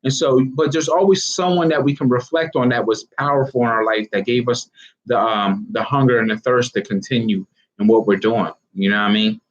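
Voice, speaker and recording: A man's voice: mid-range voice, brisk. A man giving a casual, rambling motivational talk as an online fitness marketer, often asking "you know what I mean?". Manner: animated, breaks into laughs. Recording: dull lo-fi recording.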